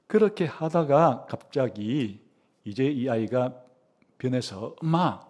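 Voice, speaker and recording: Middle-aged guy pastor telling a story in a sermon, voice jumps around a lot, lots of uh's, endings fade out soft. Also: mid-range voice, moderate pace. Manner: animated storytelling, acting out a child's and mother's lines; frequent "어" fillers, trailing soft endings.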